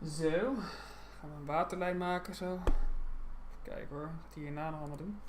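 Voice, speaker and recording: A man with a slightly high voice chats casually as a hobby painter. He comments informally on what he is doing. The room is clearly echoey, with faint noise. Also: a little fast. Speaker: hobby painter following a tutorial. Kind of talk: casual chat while painting along. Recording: roomy, slightly noisy home recording.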